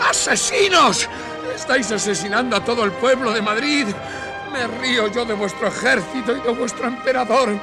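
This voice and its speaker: An actor playing a desperate, defiant young man in a radio play, shouting accusations and pleading. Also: very high voice, fairly quick. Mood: furious. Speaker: lead actor. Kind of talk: radio drama acting. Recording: radio play with music behind.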